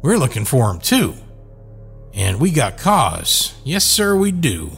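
A man's voice: medium pitch, wildly swooping pitch, takes it slowly, vocal fry, slightly rough, faint music behind, pitched above the performer's own voice, full character voice. A man voicing a mean young male outlaw who threatens in a folksy drawl. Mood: menacing.

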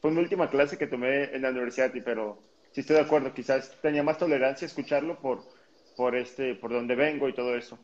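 A man's voice: medium pitch, fairly even intonation, quick pace, dull audio. A man joining a casual conversation with short, agreeable remarks.

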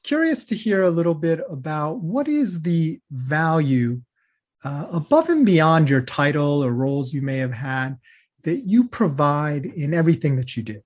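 A man's voice: fairly high pitch, big pitch swings, normal speed, darkish tone. A man hosting a podcast interview, upbeat and friendly, moving from a scripted intro into casual questions. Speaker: podcast host.

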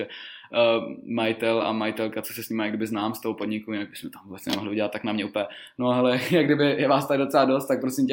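A man telling loose, rambling stories as a guest, laughing often and filling pauses with lots of small words. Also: fairly low pitch. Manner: rambling, laughing, full of fillers. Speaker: guest rapper. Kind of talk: casual storytelling.

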